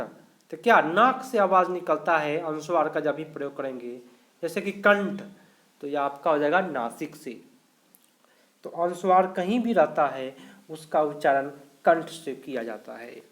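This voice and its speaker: A man teaching a live online grammar class, going through each question slowly and explaining every answer step by step. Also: a little high, fairly bright tone. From India.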